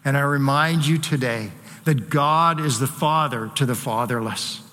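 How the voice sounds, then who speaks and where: A man's voice: medium pitch, a little slow, pushed and bright. A male pastor preaching a sermon, then hosting an onstage interview, earnest and a little hesitant with fillers when speaking off the cuff. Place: church sanctuary. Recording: church hall reverb.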